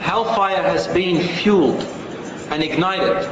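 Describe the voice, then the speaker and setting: A man delivers an Islamic sermon in a solemn, emphatic preacher's manner, placing deliberate pauses between phrases. His voice sits slightly high for a man. The recording is heavily reverberant, as in a large hall, with clear background noise. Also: muffled recording. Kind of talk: sermon to a live congregation. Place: large echoing room before an audience.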